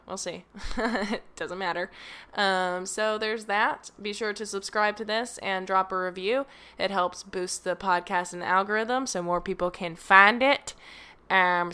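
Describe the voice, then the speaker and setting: A young woman hosts her own podcast from home, rambling casually with lots of fillers and self-deprecating asides while drifting toward and away from her home microphone. Her voice is on the low side, sharp, and clean.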